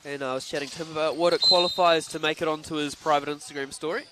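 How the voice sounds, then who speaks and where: A man's voice: on the high side, fast, heavy background noise. A man with a New Zealand accent doing live courtside basketball commentary, joking and bantering with his co-host. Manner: joking, excitable play-by-play.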